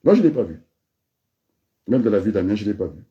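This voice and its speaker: A man's voice: fairly low pitch, big pitch swings, quick pace, dark tone, highs cut off. A man from the Republic of the Congo giving a freewheeling spoken address, rambling from one aside to the next with frequent restarts. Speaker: speaker.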